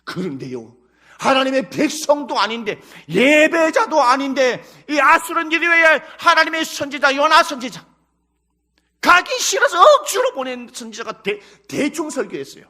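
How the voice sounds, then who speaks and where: A male pastor with a Chungcheong Korean accent preaches with emphatic, lively delivery. His voice sits very high and bright, rising and falling sharply. He slips into dramatic acted prayers now and then. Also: normal speed. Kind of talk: sermon.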